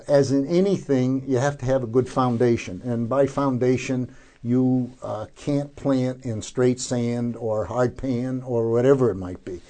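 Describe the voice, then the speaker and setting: An older man being interviewed as a gardener, informally explaining how to do things, haltingly and often searching for words. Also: mid-range voice, dark tone.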